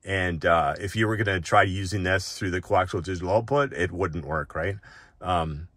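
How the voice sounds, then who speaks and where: A tech reviewer gives a casual, unscripted walk-through of settings, speaking informally and often checking in with the listener, frequently ending points with "right?" His voice is low and a bit bright, at a moderate pace, with no room sound.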